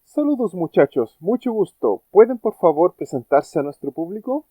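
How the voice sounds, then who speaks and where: A man's voice: sits high, sing-song, normal speed, mellow, dry recording. A man hosting an interview, introducing guests in an effusive, enthusiastic way. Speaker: podcast host. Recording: tinny phone-like sound.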